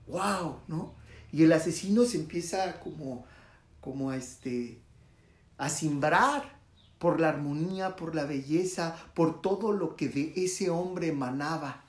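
A storyteller who tells a spiritual parable, speaks directly to the audience and pauses often with fillers. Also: medium pitch. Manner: addresses listeners directly, halting with fillers. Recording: roomy echo.

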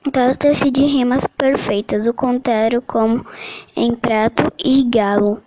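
A woman reading a Portuguese grammar summary aloud as a lesson, halting often and correcting her own slips. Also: a little high, steady tone, mellow, dry recording, rough recording. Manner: slow, halting reading with restarts and self-corrections. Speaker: teacher reading a study summary.

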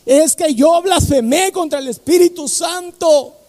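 A man's voice: extremely high pitch, measured pace, mellow, voice pushed up. A preacher putting on a sobbing young woman. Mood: desperate.

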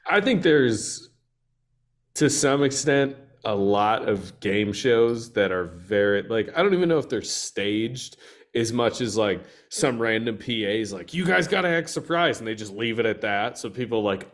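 A young man with a fairly low voice talks in a relaxed, wry way during casual podcast chat. He sounds easygoing and unhurried. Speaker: podcast co-host.

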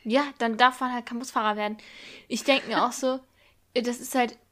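A woman's voice: a little high, fairly even intonation, normal speed, bright, forceful tone, a little hiss or hum. A young woman chatting casually, backing up her friend with reflective, slangy comments. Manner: supportive listener, reflective and slang-heavy. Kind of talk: casual chat.

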